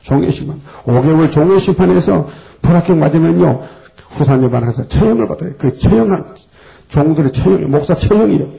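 Gravelly older man preaching. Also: fairly high pitch, warm tone. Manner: blunt, scolding, colloquial. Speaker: pastor. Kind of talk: fiery sermon. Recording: dull lo-fi recording.

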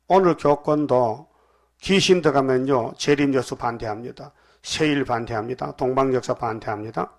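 A man preaching a sermon, with sudden emphatic bursts between calmer stretches and frequent pauses to fill. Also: medium pitch, creaky. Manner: preaches with rising emphatic bursts and many "어" fillers. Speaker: pastor.

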